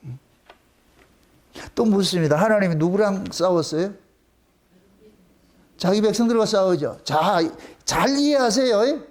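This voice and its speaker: High-voiced pastor guy w/ gyeongsang accent, preaching emphatic, lots of mocking rhetorical questions. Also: lively intonation, unhurried, long pauses, darkish tone. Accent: Gyeongsang Korean. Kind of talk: sermon.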